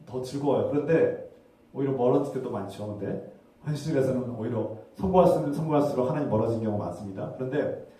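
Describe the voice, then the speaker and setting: A man preaches in a mellow voice, pressing his listeners with rhetorical questions. The sound booms around a big, reverberant church hall and the mic sits well away from him. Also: fast. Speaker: pastor. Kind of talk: sermon. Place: church sanctuary. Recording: very echoey hall, heard from a distance.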